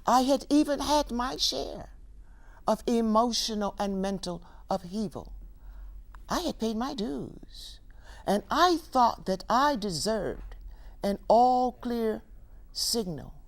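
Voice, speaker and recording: An older woman performing a dramatic stage monologue, speaking deliberately with long pauses. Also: fairly high pitch, animated. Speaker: actor.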